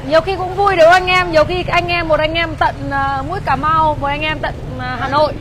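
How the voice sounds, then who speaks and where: A woman's voice: sits high, fairly even intonation, a little fast, a crowd in the background. A chatty woman with a northern Vietnamese accent hosting a casual sales livestream, talking to viewers. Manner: chatty, thanking and greeting viewers. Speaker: motorbike shop livestream host. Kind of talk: casual live sales chat. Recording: outdoor livestream with faint traffic noise.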